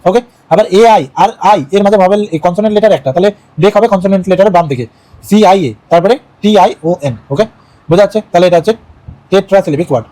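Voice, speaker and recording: A man's voice: high-pitched, fast talker, warm tone, rough recording. A man with a Bangladeshi Bengali accent teaching English syllable rules, repeating key phrases and quizzing the viewer. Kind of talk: online lesson.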